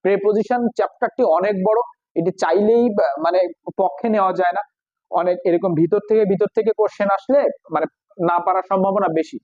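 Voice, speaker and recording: A man with a Bengali accent, a native Bengali speaker, teaching English grammar for exams, explaining each phrase slowly with many pauses. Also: high-pitched, a little mellow, no echo, muffled recording. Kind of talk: exam prep lesson.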